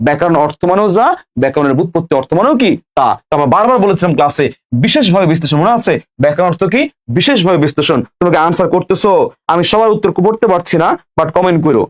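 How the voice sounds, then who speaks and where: Fast-talking male teacher quizzing a class. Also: a little high. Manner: quizzing students, repeating each question and answer. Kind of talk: live online grammar class.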